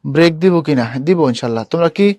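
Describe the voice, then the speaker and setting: Here a young man runs an online admission class as a university tutor, keeping things casual and conversational while asking students questions and addressing them directly. His voice is a little high, warm and expressive, and he speaks very fast, with no room sound in the recording.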